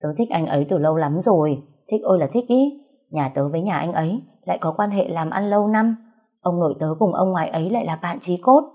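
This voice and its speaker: Female narrator as a sweet pampered rich girl, chirpy and pouty, husky low voice underneath. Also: brisk, warm tone. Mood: bubbly. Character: bubbly pampered rich young woman.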